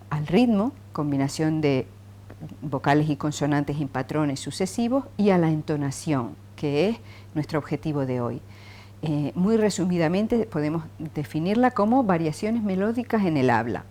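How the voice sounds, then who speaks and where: A woman lecturer giving a scripted talk, stressing key terms in a clear, measured way. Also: low-pitched, darkish tone. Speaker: university lecturer.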